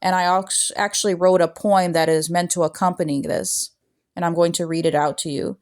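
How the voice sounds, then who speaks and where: A woman's voice: on the low side, brisk. A young woman hosting her art channel, talking casually over a painting video and then reading her own poem. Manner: soft-spoken, relaxed, with fillers like "kinda" and "like".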